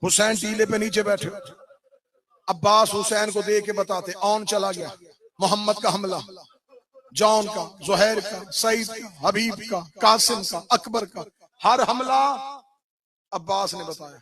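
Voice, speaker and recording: A man delivering a chanted mourning sermon at a religious gathering, with a passionate, half-sung lament that rises into shouting. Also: sits high, fairly even intonation, crowd noise.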